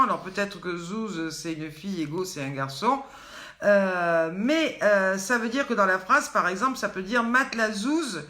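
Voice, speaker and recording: A woman's voice: mid-range voice, sharp tone. Playful older woman quizzing her viewers. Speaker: host of a daily online show. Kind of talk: live chat reading viewer comments. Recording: echoey room.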